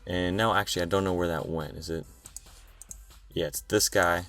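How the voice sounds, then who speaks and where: A young man with a very low, deep voice talks through a software design tutorial in a tired, loose, rambling way. Faint music plays quietly under him, with the clack of keyboard typing. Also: normal speed. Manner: tired, relaxed, rambling with fillers. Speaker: tutorial host. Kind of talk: screen-recorded software tutorial.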